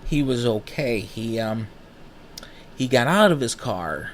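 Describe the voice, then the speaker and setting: A man of thirty tells stories about his own past in a loose, rambling, animated way. He swears casually and smokes between sentences. His voice sits at an ordinary middle pitch. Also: slow pace, a little hiss or hum. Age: 30s. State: smoking while talking. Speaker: vlogger. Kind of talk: casual personal storytelling.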